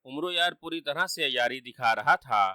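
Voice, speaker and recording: A man narrating a children's story in a steady, expressive way. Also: medium pitch, no room sound.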